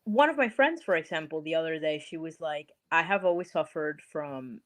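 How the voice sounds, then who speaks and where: A woman's voice: low-pitched, animated, normal speed. A young woman from Peru, talking as a podcast guest in a chatty, emphatic way, full of likes and literallys. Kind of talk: casual interview chat.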